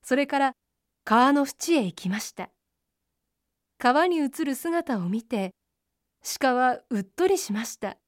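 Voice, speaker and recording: A woman reads a children's folk tale aloud in a gentle, clear way, her voice high and bright. The sound is dry and close to the mic. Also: animated, slow, long pauses, no room sound. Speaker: storyteller. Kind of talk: children's storybook narration.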